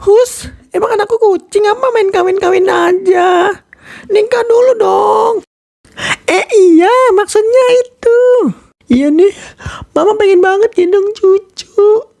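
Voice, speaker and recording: A woman's voice: very high-pitched, takes it slowly, creaky, a little mellow, heavily acted. A woman voicing a doting, fussy middle-aged mother in a cartoon. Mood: eager. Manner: gushing, fussing. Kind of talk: cartoon voice acting.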